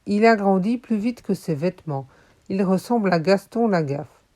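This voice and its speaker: A woman narrating a children's audiobook in a calm, measured storytelling voice. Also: mid-range voice. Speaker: audiobook reader.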